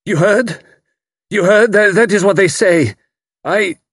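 A man voicing a stiff, formal young refugee man, grave and measured. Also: a little high, sing-song, dry recording, studio quality, pitched above the performer's own voice. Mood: agitated.

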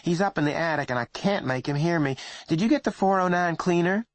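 A woman's voice: on the low side, fairly quick, no room sound, voice pushed up, natural voice. A man doing a pushy, self-pitying mother. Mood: bossy. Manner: insistent, wheedling, turning plaintive.

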